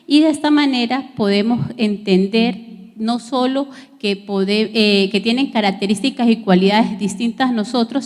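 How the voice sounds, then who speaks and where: A woman's voice: medium pitch, a little mellow, in a large hall. A woman teacher giving a recorded class lesson, explaining steadily with frequent fillers and restarts.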